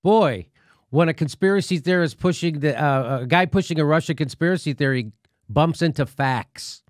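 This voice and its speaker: A man's voice: on the high side, normal speed, no room sound, clean studio sound. A male host giving comedic political commentary in a sarcastic, mocking and profane way.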